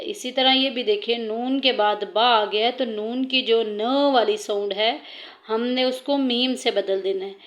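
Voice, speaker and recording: A woman leads a tajweed lesson at a slow, deliberate pace, laying out each rule step by step between drawn-out recitations. Her voice sits a little high. The recording is muffled and lo-fi. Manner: patient, explains rules step by step, recites verses slowly. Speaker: Quran recitation teacher.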